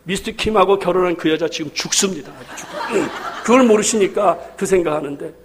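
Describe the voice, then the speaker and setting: Man, high-pitched, pastor, sermon, lively, humorous, acted asides. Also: fast talker, some chatter behind.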